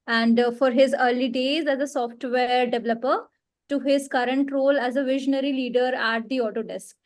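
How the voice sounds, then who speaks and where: A woman hosting a webinar over a video call, halting and using many fillers. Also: a little high. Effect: heard over a video call. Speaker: host.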